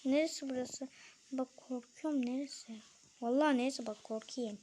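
Young female gaming vlogger, high-pitched, chatty and excitable. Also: moderate pace, a little hiss or hum. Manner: chatty, addresses viewers, exclaims and frets aloud. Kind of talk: casual game commentary.

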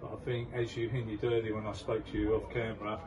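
After a match, an older man interviews a player outside at the football ground on the club's behalf, keeping it chatty and promotional with leading questions. His pitch is fairly low, his delivery flat and fairly quick. He uses a handheld mic, but the distant camera picks up a faraway sound mixed with the crowd.

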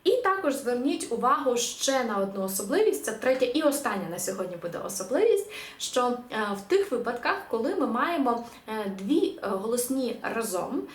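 A woman explains an online language lesson at a patient pace, pausing often with filler sounds. Her voice sits fairly high. The recording has a noticeably roomy echo. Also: big pitch swings. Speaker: language teacher.

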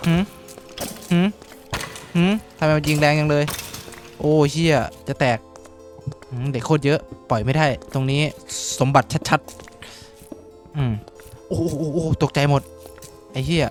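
Swearing young man narrating his game. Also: fairly high pitch. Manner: swears freely, shouts in sudden panic. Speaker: gaming streamer. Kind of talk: casual Minecraft let's-play commentary.

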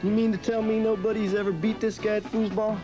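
An actor playing a cocky foosball challenger in a TV commercial. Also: male voice, high voice, level tone, fast, lo-fi sound, over music, close to an everyday voice. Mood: cocky, incredulous. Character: cocky foosball challenger who turns sheepish, in an ad.

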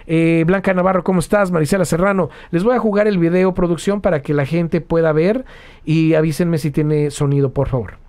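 A man's voice: a little high, a little mellow. A man hosting a live news show, talking loosely to viewers and correcting himself as he goes. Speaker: host.

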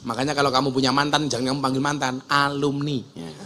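A man's voice: mid-range voice, little pitch movement, fast, bright, forceful tone, slight background noise. A man from Java giving a humorous religious sermon to a live audience, joking and acting out regional dialect voices. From Java, Indonesia. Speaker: preacher.

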